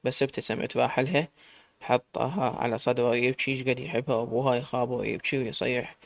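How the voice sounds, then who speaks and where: Gravelly fast Iraqi storyteller. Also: male voice, medium pitch, fairly even intonation, no echo. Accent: Iraqi Arabic. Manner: emotional, fast-paced telling. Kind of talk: dramatic first-person story narration.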